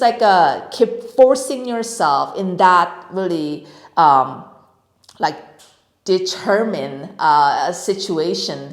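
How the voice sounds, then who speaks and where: A woman's voice: on the low side, echoey room. Korean-accented woman giving English tips. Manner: many fillers, earnest and emphatic. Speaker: English teacher. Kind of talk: casual talk to camera.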